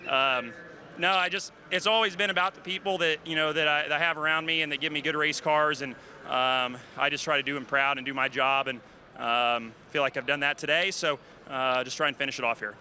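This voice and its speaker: A racing driver, out of breath, answering a post-race interview in halting speech with many fillers. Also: male voice, fairly high pitch, steady tone, pushed and bright. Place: outdoors at a racetrack.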